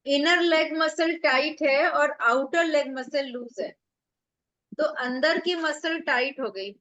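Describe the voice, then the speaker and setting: A woman's voice: sits high, slow pace, fairly bright tone, dry recording, dull audio. A woman acupressure teacher giving an online revision lecture over a video call, explaining step by step with rhetorical questions and staying firm with her students.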